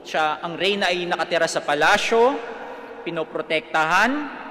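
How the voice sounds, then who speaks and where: A male priest with a Filipino accent delivers scripture and homily. His voice is high and bright, and it rings through a big church with a long cathedral echo. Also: animated, moderate pace, a little hiss or hum. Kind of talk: liturgical reading and homily. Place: large church, over sound system.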